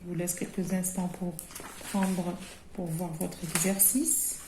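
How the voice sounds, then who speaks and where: A woman primary school teacher gives a recorded lesson to young children. She is patient, repeats each word, and often trails off to a hush. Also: fairly low pitch, flat delivery, slow pace, noisy background.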